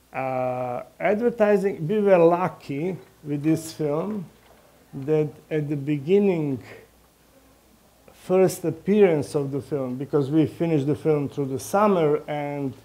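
Speaking through a headset microphone, an older film director and professor gives an informal, anecdote-filled talk before a small audience in a medium-sized indoor meeting room. His voice is a little high with a dark tone, and he talks slowly with a Croatian accent, using halting, non-native English phrasing.

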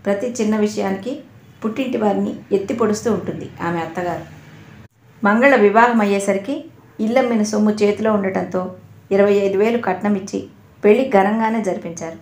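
A woman reads a novel aloud in a measured, even storytelling manner. Her voice sits at a middle pitch. The room around her gives it a noticeable echo. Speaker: audio novel narrator. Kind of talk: scripted narration of a novel. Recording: roomy echo.

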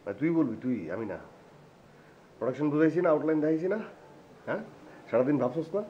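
A man's voice: a little high, dull audio, slight background noise, lightly acted. A man playing a boastful, bossy would-be film director. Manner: boastful, bossy, fast-talking. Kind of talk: TV drama acting.

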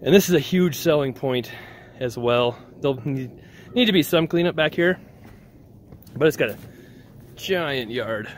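Relaxed man narrating a house tour. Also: mid-range voice, unhurried, long pauses, a little hiss or hum. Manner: relaxed, offhand, thinking aloud with small restarts. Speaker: real estate investor giving a house tour. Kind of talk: casual walkthrough narration. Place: empty house under renovation, indoors and out.

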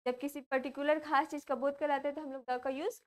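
A young woman with an Indian accent teaches a grammar lesson in a high, clear voice. She keeps asking her class questions and then answers them herself, repeating each key point. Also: steady tone, fast.

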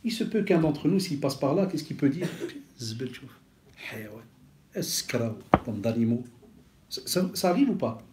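A man giving a lecture-style sermon, telling stories in a lively way and sprinkling in Arabic phrases. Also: medium pitch, unhurried, heavy background noise. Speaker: preacher and teacher.

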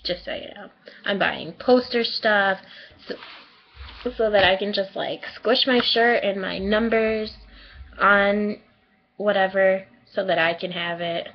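A young woman talks to her camera in a casual video diary, chatty and excitable, rambling through fillers and false starts. She speaks at an unhurried pace with a middling pitch. The recording is muffled and lo-fi. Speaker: vlogger.

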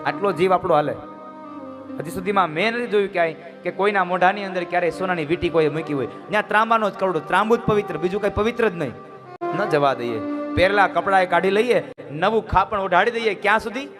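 A man's voice: sits high, fast talker, music in the background. A man giving a devotional sermon, pressing his point with rhetorical questions and breaking into sung verses. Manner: rhetorical questions, earnest and insistent. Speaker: katha preacher.

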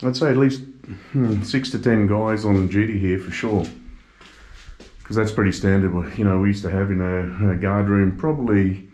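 A travel vlogger speaks with fairly even intonation at normal speed, first exploring an abandoned building and then driving. He thinks aloud casually and swears at other drivers, all captured in dull lo-fi camera audio with loud engine rumble.

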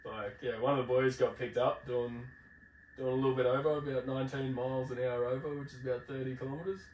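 A man's voice: mid-range voice, steady tone, fast talker, darkish tone. A man with an Australasian accent chatting casually and telling stories in a blokey, slangy, sweary way. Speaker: podcast host. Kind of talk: casual chat, telling travel anecdotes. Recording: roomy, distant mic, faint background noise.

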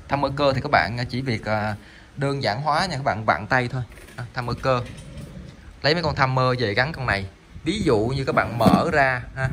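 Over a noisy background, a medium-pitched man demonstrates salvaged electronic parts he's selling online. His casual talk wanders, full of stammers, fillers, and repeated words.

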